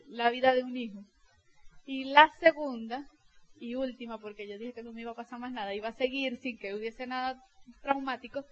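High-voiced woman giving a heartfelt testimonial. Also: fairly bright tone, muffled recording. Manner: heartfelt storytelling, acting out quoted dialogue. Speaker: direct-sales team leader. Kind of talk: motivational testimonial talk.

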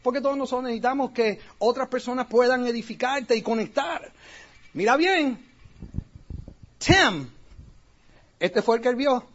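A man from Puerto Rico with a Puerto Rican accent, giving an animated storytelling talk to an audience as a motivational speaker. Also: extremely high pitch, normal speed, pauses often. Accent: Puerto Rican Spanish. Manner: animated, acts out quoted voices. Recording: dull lo-fi recording.

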